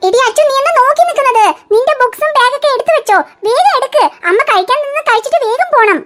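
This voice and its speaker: A woman voicing a calm, gently scolding mother in a cartoon. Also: very high voice, fast talker, a little hiss or hum. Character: soothing cartoon mother of three girls. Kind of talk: cartoon voice acting.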